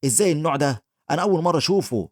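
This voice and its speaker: A man with an Egyptian Arabic accent voicing a curious, excitable female investigator in a storybook recap. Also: medium pitch, rapid-fire, lightly acted. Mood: excited.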